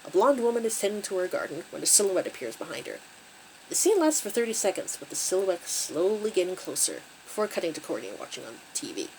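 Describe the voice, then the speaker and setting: A woman's voice: on the low side, big pitch swings, fast talker, darkish tone, a little hiss or hum, low-quality recording. A woman hosting her channel, recapping a creepy story with wry, conversational asides. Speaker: channel host and story reader.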